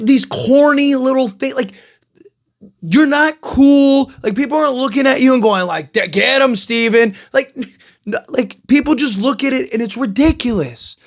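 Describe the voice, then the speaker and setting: A man hosting his own channel, giving a rambling, exasperated opinion rant about basketball media, full of fillers and repeated questions. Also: very high voice. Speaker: channel host. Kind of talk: opinion commentary vlog.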